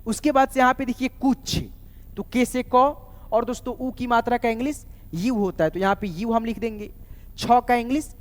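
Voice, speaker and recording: A man teaching a lesson, spelling words letter by letter and asking viewers questions. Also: extremely high pitch. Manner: slow, spells letters out one by one, often asks viewers questions. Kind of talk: spoken classroom lesson. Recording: long reverb.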